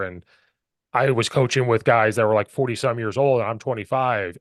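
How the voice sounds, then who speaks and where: Quick-talking male host, low voice, animated storyteller, dry close sound. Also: dry recording. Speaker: podcast host. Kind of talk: podcast interview.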